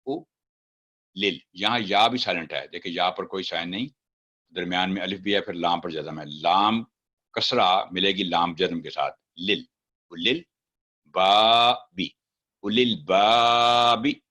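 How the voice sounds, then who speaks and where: A man's voice: low voice, a little slow, bright, forceful tone. A man teaching Quran recitation, chanting example words syllable by syllable and then explaining the rules. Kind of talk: step-by-step recitation lesson.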